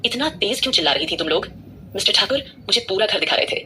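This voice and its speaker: A woman voicing a quick-witted young woman on a secret mission, talking fast with put-on annoyance in an audio drama. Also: lowish voice, sing-song, sharp tone, slight background noise. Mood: mock-angry. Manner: mock-annoyed, rapid talk.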